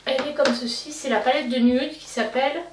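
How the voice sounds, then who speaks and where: A young Belgian woman with a Belgian French accent, chatting casually as a beauty vlogger and pausing often with fillers and restarts. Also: sits high, fairly even intonation. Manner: hesitant, many fillers and restarts. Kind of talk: casual chat. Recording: roomy, slightly distant mic, faint noise.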